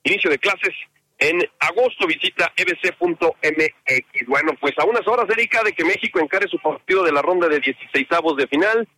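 A man reporting live from a city street, speaking in a measured, conversational way to the anchor. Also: on the high side, pushed and bright, no room sound, poor audio. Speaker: field reporter.

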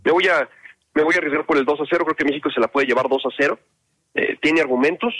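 Man, field reporter, bright tone, dry mic, measured live delivery. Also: on the high side, no room sound, poor audio. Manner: conversational, measured. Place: outdoors on a city street.

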